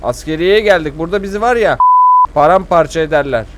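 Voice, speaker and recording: A man giving chatty let's-play commentary, swearing jokingly and getting loud and panicky when things go wrong. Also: a little high, expressive, a little fast, very noisy. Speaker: gaming YouTuber.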